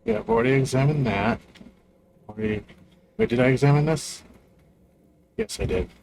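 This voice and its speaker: A man's voice: medium pitch, moderate pace, a little mellow, a little hiss or hum, poor audio. A man playing a horror game, reading in-game notes aloud with small slips and chatting to himself between them. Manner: reads aloud with small slips and restarts, then chats to himself. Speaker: gaming channel host.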